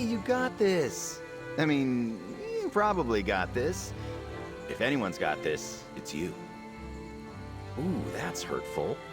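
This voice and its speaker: An actor playing a sly, cheeky thief and spy in a video game, playful and conspiratorial. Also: male voice, mid-range voice. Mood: teasing. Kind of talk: video game character dialogue.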